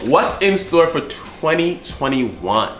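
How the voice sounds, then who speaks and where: A man's voice: a little high, very animated, slow, a bit bright. A man in his twenties chatting casually as a co-host of a group question-and-answer video. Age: 20s. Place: living room couch, indoors. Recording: roomy echo.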